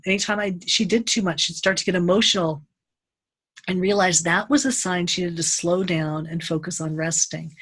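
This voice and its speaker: A middle-aged woman teaching an Ayurveda lesson in an unscripted, animated way, acting out quoted voices. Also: fairly low pitch, husky.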